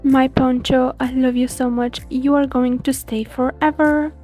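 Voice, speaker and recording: High-voiced chatty young woman vlogger. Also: little pitch movement, a little slow, dark tone, soft background music. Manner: chatty, rambling, self-deprecating. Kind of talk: casual vlog chat.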